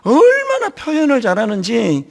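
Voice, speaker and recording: A middle-aged male pastor preaching in church, his voice sitting very high and swinging widely as he tells his stories. There is a gravelly edge to it, and a touch of a lingering cold. He acts out the people he quotes with plenty of energy. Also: moderate pace. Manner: animated storytelling, acting out quoted voices. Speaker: senior pastor. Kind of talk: sermon.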